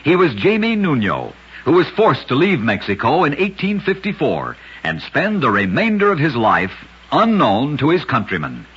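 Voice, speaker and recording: Pitched on the high side with huge swings, this man's breathy-edged voice moves at a normal speed. He's an American radio host reading scripted vintage narration of short true oddities with a dramatic storyteller delivery. The recording sounds dull and lo-fi, in an old radio manner.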